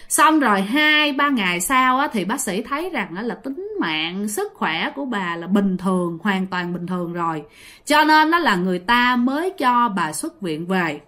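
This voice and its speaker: Speaking with a Southern Vietnamese accent, a woman tells a ghost story in a chatty, casual way, often addressing her listeners directly. Her mid-range voice swings widely in pitch and sounds sharp at a normal pace.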